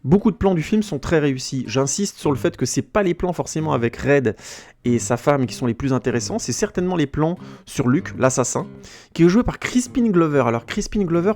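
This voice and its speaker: A man's voice: mid-range voice, big pitch swings, fairly quick, darkish tone. A man hosting a podcast, giving a casual spoken film review, chatty and digressive, often stopping to search for a word. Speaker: film critic podcast host.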